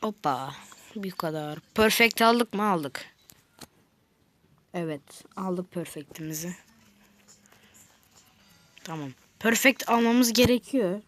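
A woman giving casual let's play commentary on a mobile game, chatting with viewers and scolding the game in slangy outbursts between quiet mutters. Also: medium pitch, animated, slow, long pauses. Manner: chats with viewers, drifts into mutters and whispers. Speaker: gaming video creator.

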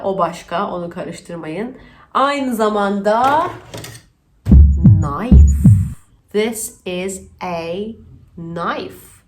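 A woman in her thirties from Turkey giving a casual, playful English pronunciation lesson, chatty and teasing with quick asides. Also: mid-range voice, fairly bright tone. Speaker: English teacher.

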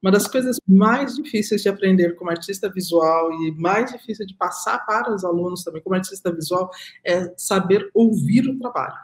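Over a video call picked up by a webcam, a middle-aged woman artist speaks on a panel in a mid-range voice at a fairly quick pace. She sounds reflective and emphatic, repeating her key phrases.

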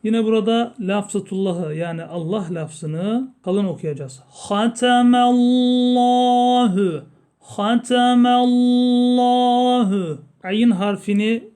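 Recitation teacher, man, Turkish accent, slow-spoken, drawn-out chanting. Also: high-pitched, dark tone. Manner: explains slowly, then chants verses drawn out. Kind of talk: tajweed lesson with chanted recitation.

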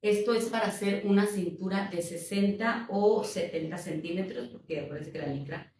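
A woman's voice: mid-range voice, normal speed, a little mellow. A woman teaching a step-by-step sewing tutorial, patient and instructive as she counts out measurements. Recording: echoey room, voice a bit far from the mic, faint noise.

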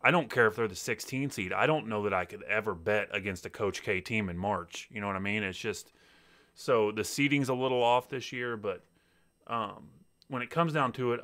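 Bright-voiced laid-back man talking sports. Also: lowish voice, clear, resonant tone. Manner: laid-back, laughs easily, hesitant fillers. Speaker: podcast co-host. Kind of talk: casual sports chat.

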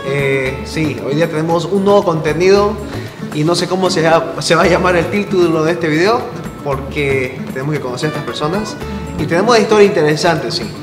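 A man's voice: a little high, fairly quick, roomy sound, big-room sound, over music. A man hosting a casual interview with a playful, chatty manner, asking questions in a studio. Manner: chatty, playful, gives many short backchannels. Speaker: interviewer and channel host. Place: studio with dark curtain backdrop.

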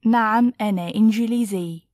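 A woman teaching pronunciation, saying phrases clearly and then breaking them word by word. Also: medium pitch, a little mellow, no room sound, studio quality. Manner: clear, deliberate, splits phrases into single words. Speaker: language teacher. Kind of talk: slow word-by-word pronunciation drill.

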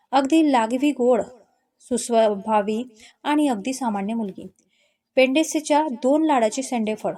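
A woman storyteller reading a scripted love story in a gentle, descriptive way. Her voice sits fairly high yet sounds soft and mellow.

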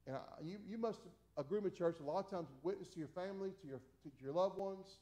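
A pastor in his forties leads a Bible study from the pulpit of a small church, speaking fast in a high, mellow voice. His folksy delivery is repetitive, full of stammering restarts and frequent "amen"s.

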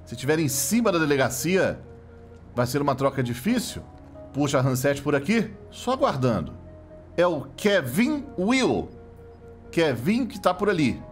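A man's voice: fairly high pitch, measured pace, faint music behind. A man with a Brazilian Portuguese accent giving joking, mock sportscaster commentary over video game footage. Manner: joking, playful, animated play-by-play. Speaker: gameplay commentator.

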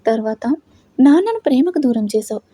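A woman's voice: high voice, animated, brisk, dark tone, slightly rough, no echo. A woman voicing a heartbroken young woman who talks bitterly while laughing through her tears, in a storybook reading.

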